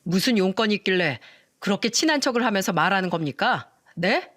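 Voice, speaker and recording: A woman's voice: medium pitch, expressive, fairly quick, a bit bright. A woman reading a stern young husband. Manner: stern, blunt. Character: firm young husband protecting his wife. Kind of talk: storytelling radio drama reading.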